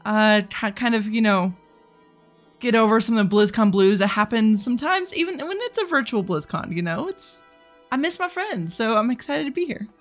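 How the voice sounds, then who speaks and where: A woman's voice: a little high, expressive, moderate pace, soft background music. A woman co-hosting a podcast, bubbly and giggly in casual chat. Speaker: podcast co-host.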